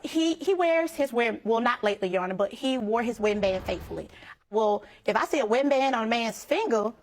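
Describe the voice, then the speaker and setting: A woman testifying before a judge in a sassy, emphatic way. She keeps addressing the bench. Her voice sits somewhat high. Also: expressive, brisk, slight background noise, poor audio. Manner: sassy, emphatic, keeps saying "Your Honor". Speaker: wife in a paternity case. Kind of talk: courtroom show testimony.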